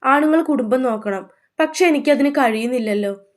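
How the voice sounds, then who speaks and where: A woman's voice: high-pitched, moderate pace, natural voice. A woman voicing a worried young husband who blames himself, in a storybook reading. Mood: despairing. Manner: anxious, pleading. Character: despairing young husband, worried and self-blaming.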